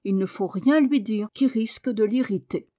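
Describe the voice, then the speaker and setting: A woman voicing a kindly, puzzled male doctor in an audiobook, gentle and reassuring. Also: mid-range voice, normal speed, close to an everyday voice. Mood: confidential. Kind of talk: audiobook reading.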